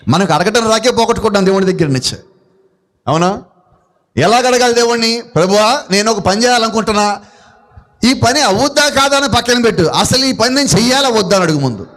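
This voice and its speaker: A man's voice: sits high, animated, brisk, a bit bright. A man with a Telugu accent preaching a sermon to a congregation, asking them questions and answering them himself. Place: church gathering.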